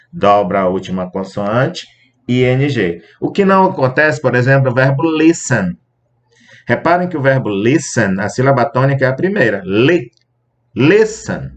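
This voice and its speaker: A man teaching an English grammar class, explaining patiently, spelling out letters and repeating example sentences slowly. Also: fairly low pitch. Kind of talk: recorded grammar lesson.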